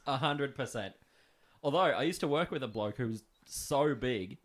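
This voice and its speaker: A man's voice: medium pitch, animated, moderate pace. A man co-hosting a podcast, trading crude jokes in casual banter. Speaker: podcast co-host.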